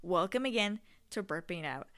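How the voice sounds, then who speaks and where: A woman's voice: on the low side, lively intonation, fairly quick, fairly bright tone. A young adult woman hosting a casual solo podcast in a candid, slangy, emphatic and rambling way, often swearing. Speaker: podcast host.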